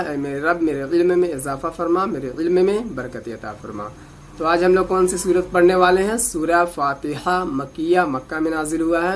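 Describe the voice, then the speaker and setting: A male Quran teacher with a Hindi-Urdu accent and a slightly high voice gives a slow, spelled-out recitation lesson. He patiently breaks verses down syllable by syllable, drawing each one out as he drills.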